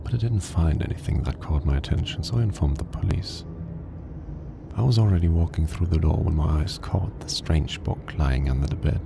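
A man voicing a weary, grim private detective who narrates a horror game in a slow, flat storytelling manner. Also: background noise. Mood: brooding. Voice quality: very deep, gravelly. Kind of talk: scripted noir narration. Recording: game audio under loud music. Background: game music.

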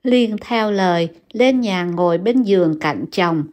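A woman narrator reading a classic novel aloud in a calm, measured storytelling voice. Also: on the low side. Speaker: audiobook narrator.

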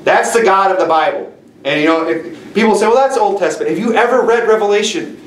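Middle-aged man, preacher, forceful sermon delivery, slightly high voice, roomy echo, picked up from a distance. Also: expressive, a little hiss or hum. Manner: forceful preaching with slow emphatic scripture reading. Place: small church room with piano. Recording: echoey room from far off.

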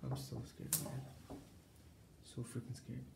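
A young man hosting a night vlog in a nervous, hushed voice. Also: mid-range voice, completely flat delivery, takes it slowly, vocal fry. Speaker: vlog host. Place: small hotel room and entryway, indoors. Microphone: handheld phone camera. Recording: echoey hotel room, noisy handheld recording.

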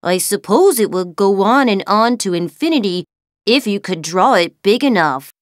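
A woman's voice: medium pitch, lively intonation, normal speed, no echo, clean studio sound, close to an everyday voice. Woman doing an earnest, bookish schoolboy. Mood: enthusiastic. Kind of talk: storybook character voice.

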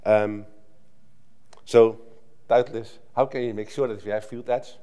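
Middle-aged Dutch man, slightly low voice, chatty conference talk at a lectern mic, restarts a lot. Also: steady tone, normal speed, mellow, clear, resonant tone. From Netherlands. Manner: conversational, with frequent restarts and filler "right?". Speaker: conference speaker. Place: conference hall stage at a lectern. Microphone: lectern microphone.

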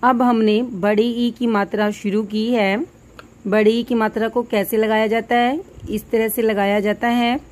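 A woman teacher, giving a children's phonics lesson, sounding out syllables clearly for young pupils. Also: a little high, little pitch movement, measured pace, a little mellow. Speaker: primary school teacher.

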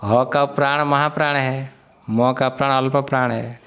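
A man's voice: medium pitch, fairly even intonation, a bit bright, clean tone. Hindi-speaking male teacher quizzing his class. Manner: questioning, quizzes the listeners often; chuckles often, drills pronunciation slowly. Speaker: Vedanta teacher. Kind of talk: scripture class lecture.

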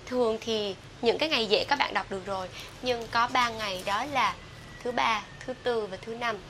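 A Vietnamese woman with a Vietnamese accent giving an English pronunciation lesson, drawing out model words slowly between quick explanations. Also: on the high side, sharp tone, slight background noise. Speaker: English teacher.

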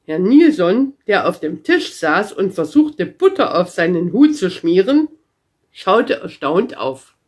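A woman reading a children's book aloud in a gentle, expressive storytelling manner. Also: on the low side, slow pace, husky.

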